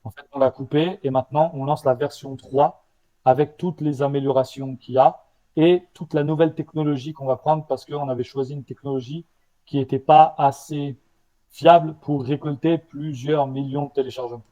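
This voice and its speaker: A man with a slight leftover stutter, a startup founder answering interview questions in a halting way, with many restarts. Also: mid-range voice, steady tone, dark tone, rough recording. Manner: halting, with restarts and repeated words.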